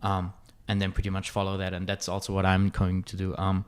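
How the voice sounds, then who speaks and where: As a podcast guest, this young German student club director keeps the chat casual but hesitant, full of fillers. He speaks a little fast in a low, smooth, monotone voice.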